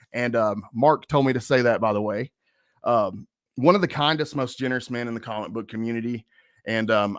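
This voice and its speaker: A man's voice: medium pitch, dry recording, clean studio sound. Upbeat man hosting a live stream. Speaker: host.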